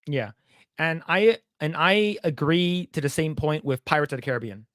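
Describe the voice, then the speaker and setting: His voice is a little high and a bit bright, moving at normal speed, recorded in the studio with no room sound. He's a young podcast co-host whose casual chat rambles, stays blunt, and includes casual swearing.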